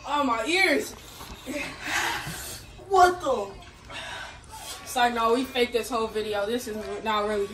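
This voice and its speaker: High-pitched young female, mouth burning from spicy food. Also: a little slow, long pauses, distant mic. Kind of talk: casual chat. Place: home kitchen. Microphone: handheld phone a few feet away. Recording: echoey kitchen, off mic, music.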